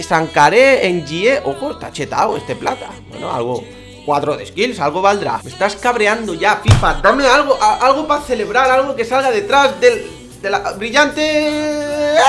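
Spanish man opening game packs on his channel, lively swooping voice, begs and curses at the game, faint music underneath. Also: high voice. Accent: Spain Spanish. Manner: excitable, pleading and swearing at the game. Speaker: gaming YouTuber. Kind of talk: pack-opening game commentary.

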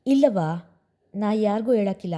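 A woman's voice: medium pitch, moderate pace, dark tone, voice pushed up, natural voice. A woman voicing an earnest village servant woman who speaks in rustic dialect. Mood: pleading.

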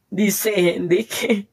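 Salvadoran woman, phone live stream, casual chat, laughs a lot, mid-pitched voice. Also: slightly rough. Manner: chatty, laughs often, thanks viewers warmly.

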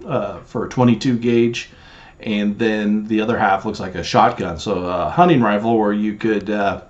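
A storage unit reseller in his forties casually shows off items in a vlog from a small indoor home office, rambling with lots of fillers as he handles things on camera. His voice is on the low side, steady and moderately paced, with the highs cut off.

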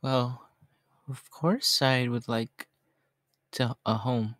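A man in an ASMR role-play, voicing a shy, homeless young cat-boy who is gentle, hopeful, hesitant and softly polite. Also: medium pitch, extremely slow, no room sound, studio quality. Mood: wistful.

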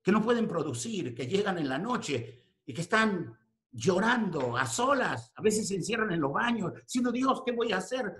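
A man in his sixties preaching a sermon to ministers, firing rhetorical questions and swinging between quiet talk and shouting. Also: high voice, big pitch swings, moderate pace.

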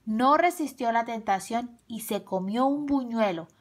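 A woman with a fairly high voice reads a children's folk tale aloud. She takes her time and lets each phrase land calmly and clearly. Her telling is gentle and expressive. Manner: slow, expressive storytelling. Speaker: storyteller.

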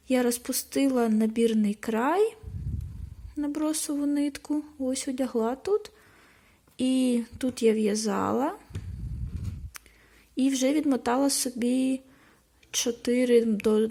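A woman's voice: a little high, darkish tone. A woman chatting casually in a knitting vlog, explaining her work in an easygoing, slightly unsure manner. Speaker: knitting vlogger.

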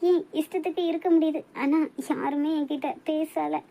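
A woman's voice: high voice, fairly even intonation, moderate pace, gravelly, mellow. A woman with a Kanyakumari Tamil accent voicing a lonely young bride in a hobby cartoon, talking in a pleading way. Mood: tearful. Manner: pleading, tearful.

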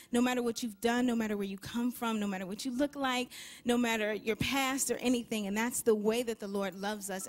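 A young woman speaking as a guest on a television talk show, earnest and softly enthusiastic. Her voice sits fairly high. She talks about her faith with warmth in her words. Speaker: gospel singer, interview guest.

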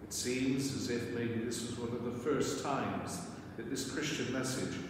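A man's voice: mid-range voice, measured pace, recorded from a distance. An older man speaking as a priest in church, reading scripture and preaching, his voice carrying a cathedral-style echo. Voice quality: echoing, cathedral-like reverberant sound. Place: church sanctuary at a lectern. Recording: echoey church hall, long reverb, noisy.

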